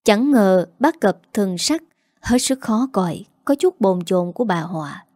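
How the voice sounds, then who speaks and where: A woman reading a first-person story aloud in a steady, even way. Her tone is warm and mellow. The recording is dry, with no room sound. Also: medium pitch, a little slow, dry recording. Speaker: narrator.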